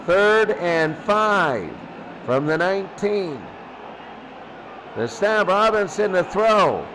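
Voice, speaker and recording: Calling an American football game on radio, a man speaks slowly with big pitch swings and a fairly bright tone. His play-by-play comes in short clipped bursts that he frequently repeats, over a noisy, vehicle-like rumble.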